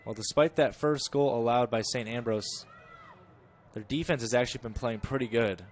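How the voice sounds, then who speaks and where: Speaking at a moderate pace over a faint crowd, a native English-speaking man provides chatty play-by-play for a college soccer match. He fixes his own slips along the way, and his pitch and volume rise as the action becomes dangerous.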